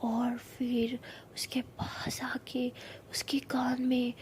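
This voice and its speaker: A woman voicing a playful, teasing young woman who tells spooky tales in a hush and comforts her friend. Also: high voice, steady tone, normal speed, very noisy. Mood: spooky whisper. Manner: teasing, then soothing; hushed spooky storytelling.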